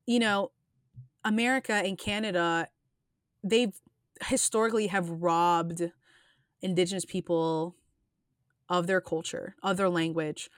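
A woman's voice: on the low side, fairly even intonation, measured pace, long pauses, no room sound, studio quality. A woman hosting a podcast, talking casually and earnestly, rambling with frequent restarts and fillers. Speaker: podcast host.

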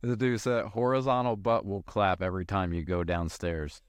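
Man, deep-ish voice, dry sound, casual podcast chat, jokey, profane, argumentative. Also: fairly even intonation, moderate pace, clear, resonant tone, no room sound. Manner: joking, swears often, argues his point. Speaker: podcast co-host.

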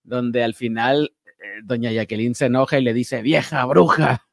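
A man with a mid-pitched voice co-hosts a casual gossip chat. He chimes in with quick corrections and reads out viewer comments. His voice sounds dry and close to the mic. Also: steady tone, a little mellow, no echo. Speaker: co-host.

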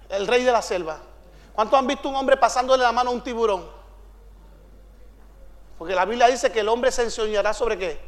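A man with a strikingly high voice preaching in a church, pressing the congregation with question after question and rising into shouts. Long reverb from the sanctuary hangs on every line. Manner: rhetorical questions to the congregation, building to shouted climaxes. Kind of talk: sermon.

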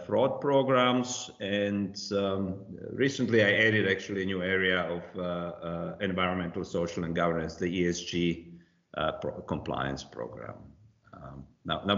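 A man's voice: deep voice, gravelly, a bit bright. A man in his forties, born in Slovakia, speaking as a guest in a casual interview with many fillers and restarts. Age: 40s. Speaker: compliance consultant, guest. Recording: muffled, roomy remote audio.

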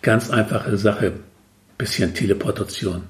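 A man's voice: on the low side, measured pace, voice pushed down, natural voice. A man voicing an ancient four-faced male god who grumbles and lectures. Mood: dismissive. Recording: roomy echo.

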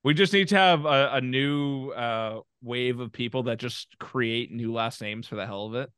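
A man's voice: mid-range voice, moderate pace, fairly bright tone, clean tone, no room sound, studio quality. A man in a casual podcast chat, joking and teasing the others.

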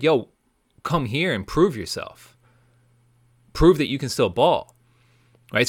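A man in the middle of his range hosts a sports podcast, talking in an animated, emphatic way. He throws out rhetorical questions and keeps checking in with "right?". The sound is dry and close, with no room around him. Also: medium pitch, dry recording. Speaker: podcast host. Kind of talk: opinionated sports talk monologue.

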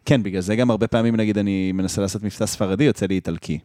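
A man's voice: lowish voice, steady tone, warm tone, dry recording, studio quality. An Israeli man with an Israeli accent in a casual, joking chat. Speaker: podcast speaker.

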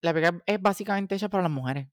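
A woman's voice: lowish voice, racing, no echo, clean studio sound. A Puerto Rican woman in her twenties chatting casually in Spanglish, dropping English words into her Spanish. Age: 20s. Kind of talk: casual chat.

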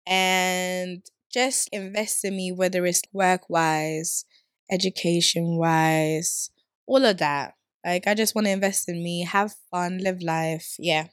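A young Swedish podcast host chats solo through her questions, animated, playful and slangy, quick to laugh and joke. Her voice is at an ordinary middle pitch, recorded dry and close with no room sound or echo.

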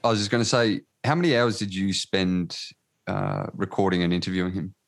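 A male interviewer with a very deep voice asks questions at a quick clip. He cuts in briskly to redirect the talk. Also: fairly even intonation, creaky.

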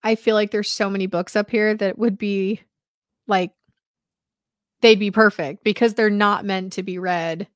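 A woman co-hosting a podcast, chatting in a relaxed way, often hesitating with filler words. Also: medium pitch, a little slow, no echo, studio quality. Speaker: podcast co-host. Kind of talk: casual chat.

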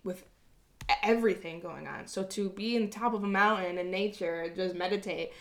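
A woman's voice: mid-range voice, moderate pace, fairly bright tone. A woman talking to her viewers in a reflective personal monologue, earnest and rambling, with casual swearing. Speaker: vlogger.

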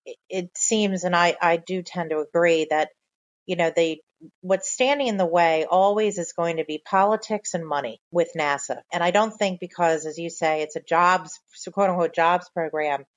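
A woman hosting an interview podcast, speaking conversationally in measured, careful short phrases. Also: fairly low pitch.

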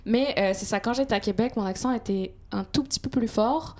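A French woman whose accent has a light Quebec touch, co-hosting a casual panel chat and telling animated stories at a quick clip. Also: a little high. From France.

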